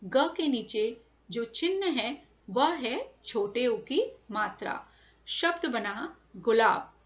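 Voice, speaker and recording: A woman's voice: on the high side, expressive, takes it slowly. A woman teacher giving a careful lesson to children, stretching and stressing each sound as she says it over slides.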